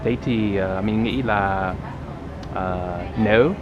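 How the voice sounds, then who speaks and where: An American man chatting casually with strangers in halting, broken learner Vietnamese, with English as his first language. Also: on the low side, fairly even intonation. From United States. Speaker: vlogger practising languages with strangers. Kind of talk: casual street chat. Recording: muffled, noisy outdoor traffic ambience.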